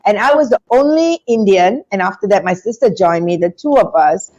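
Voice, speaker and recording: A woman from Singapore, a guest in an interview, telling her story in an animated, chatty way with frequent restarts. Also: mid-range voice, brisk, highs cut off. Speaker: interview guest, business school founder.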